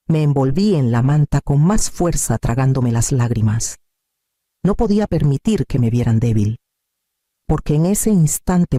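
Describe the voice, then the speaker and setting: Man with a dark, mellow narrating voice. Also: fairly high pitch, no room sound, studio quality. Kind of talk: scripted first-person story narration.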